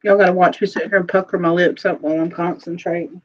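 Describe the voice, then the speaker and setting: A woman's voice: lowish voice, fairly even intonation, a little mellow. Chatty woman on a muffled stream. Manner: chatty, rambling, quick to laugh. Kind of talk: casual live-stream chat.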